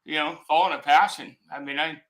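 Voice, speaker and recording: A man's voice: fairly high pitch, fairly even intonation, fast, fairly bright tone, a little hiss or hum. A man joining a livestream as a guest, talking hesitantly with many fillers. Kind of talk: casual livestream chat.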